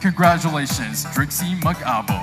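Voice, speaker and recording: A pageant host announcing formally, in a ceremonious, drawn-out way. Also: medium pitch, lively intonation. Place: on stage in a large gym. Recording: music behind, live gym PA.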